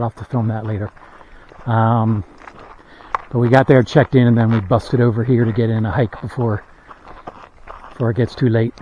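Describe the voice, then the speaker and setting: A man's voice: mid-range voice, a little mellow, a little hiss or hum. A man casually narrating his hiking vlog outdoors, thinking aloud and rambling with lots of fillers. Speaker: hiking vlogger. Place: outdoors on trails and at a campground. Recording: dull lo-fi camera audio.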